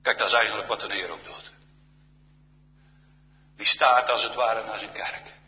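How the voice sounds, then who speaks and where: A man's voice: lowish voice, fairly even intonation, normal speed, pushed and bright. A man preaching a solemn church sermon, often sinking to a near-whisper. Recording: reverberant church hall, dull sound.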